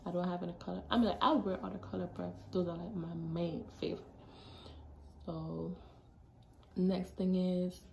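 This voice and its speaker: A teenage girl from Jamaica talks straight into her phone camera, chatty and animated, tossing in quick asides. Her voice sits a little low for a girl. The small bedroom gives it an echoey ring with a faint hiss behind. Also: creaky, lo-fi sound. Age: teens. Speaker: vlogger. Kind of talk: casual chat to camera. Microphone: phone camera at arm's length. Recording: echoey room, faint background noise.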